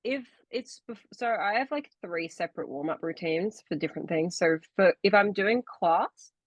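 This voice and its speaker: In this casual chat, a young woman, both an actor and a podcast co-host, talks over a video call in a lowish voice with lively intonation. Her pace is moderate, the recording is dry, and she explains at length with lots of fillers.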